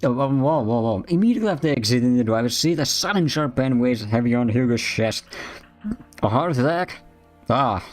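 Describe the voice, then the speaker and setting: A man's voice: medium pitch, lively intonation, brisk, few pauses, faint music behind. Jokey man narrating a game. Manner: jokey, sarcastic asides. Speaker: game streamer. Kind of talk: let's-play narration and commentary.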